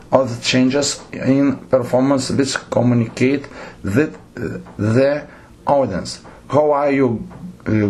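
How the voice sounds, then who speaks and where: A native Lithuanian speaker with a Lithuanian accent lectures on theatre directing, reading numbered points in a halting way and frequently correcting and restarting himself. His voice is medium-pitched with a darkish tone, and there's a little hiss or hum in the recording.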